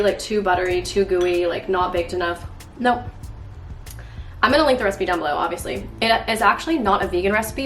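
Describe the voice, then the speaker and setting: A woman in her twenties chatting casually to the camera while baking at home, bubbly and full of "like" fillers. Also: medium pitch. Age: 20s. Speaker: lifestyle vlogger. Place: home kitchen, indoors. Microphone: camera on the counter. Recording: echoey kitchen, faint music.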